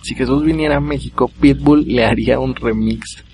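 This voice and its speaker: A man's voice: mid-range voice, fairly even intonation, normal speed, darkish tone, a little hiss or hum. A man with a Mexican accent hosting a solo comedy podcast, rattling off jokes in a casual, slangy way and laughing at his own lines. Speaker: podcast host.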